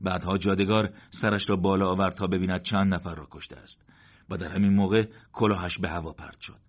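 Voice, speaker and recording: A man narrating a war story in a steady, measured reading. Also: low-pitched. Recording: dull lo-fi recording.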